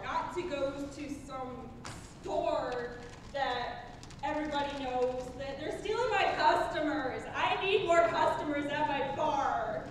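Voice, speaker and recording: A woman in stage improv playing a pushy small-town bartender. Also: high voice. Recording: echoey hall from far off, noisy.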